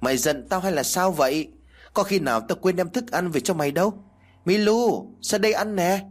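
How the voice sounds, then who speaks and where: A carefree young man, read by a male narrator, talks in a casual, coaxing way. His voice is a little husky and moves up and down with feeling, in a spoken ghost story. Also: mid-range voice, big pitch swings, fairly quick. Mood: calling out. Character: carefree young male student, the drinking hero.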